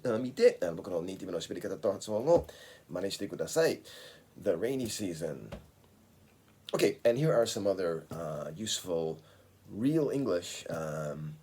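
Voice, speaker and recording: Male English teacher, low husky voice, animated delivery with frequent restarts. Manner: mixes English and Japanese, many fillers and restarts. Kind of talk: casual language lesson. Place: small conversation studio.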